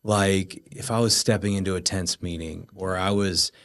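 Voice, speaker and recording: A man's voice: low voice, fairly even intonation, moderate pace, a bit bright. A middle-aged man teaching in a casual, conversational way, with informal, loosely phrased talk. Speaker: host of a prayer teaching series.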